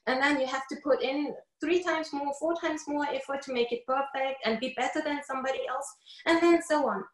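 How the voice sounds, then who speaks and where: Higher-pitched woman in an echoey room. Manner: halting, repeats words while searching. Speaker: music teacher on a panel. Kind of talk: panel discussion. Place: wood-paneled room on a video call. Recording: echoey room on video call.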